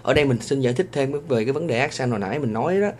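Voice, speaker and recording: A man from Vietnam with a Southern Vietnamese accent, giving casual advice in a chatty monologue full of drawn-out hesitations. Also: medium pitch, expressive, a little mellow, a little hiss or hum.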